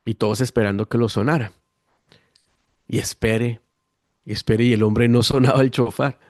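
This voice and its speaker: Colombian pastor telling a lively story. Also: male voice, mid-range voice, moderate pace, no echo, studio quality. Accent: Colombian, Bogotá. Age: 50s. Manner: lively animated storytelling, acting out quoted voices. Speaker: guest pastor. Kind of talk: storytelling testimony.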